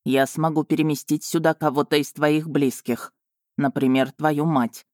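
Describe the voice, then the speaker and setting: A woman voicing a proud, brooding male dragon lord who speaks in a cool, measured, slightly mocking way. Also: sits low, steady tone, a little mellow, no room sound, clean studio sound, lightly acted. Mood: calm.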